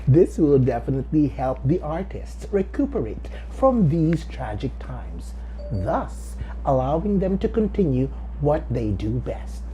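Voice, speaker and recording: A man's voice: a little high, warm tone, low-quality recording. A man voicing a haughty, pampered royal queen who speaks in a pompous, regal, sing-song manner. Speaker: resident choral diva.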